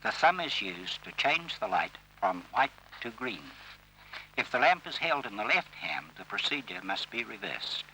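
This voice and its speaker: Sounding like the soundtrack of an old training film, a man narrates instructions in a formal, measured style, following the script. His voice sits on the low side, sing-song, yet very bright, crisp-edged and forceful. The voice-over was recorded for film and is rough, with slight background noise.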